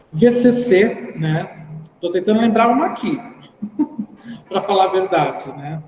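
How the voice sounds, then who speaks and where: High-voiced Brazilian teacher in an echoey room. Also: male voice, darkish tone. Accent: Brazilian Portuguese. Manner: informal, thinking aloud, tags phrases with "né". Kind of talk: online class explanation. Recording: roomy reverberant sound with faint background noise.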